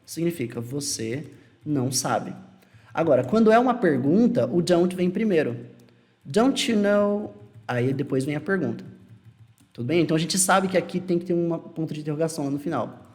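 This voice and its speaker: A man's voice: fairly high pitch, animated, a little fast, darkish tone. A Brazilian man giving a casual English lesson, explaining phrases patiently and repeating them. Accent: Brazilian Portuguese. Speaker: English teacher.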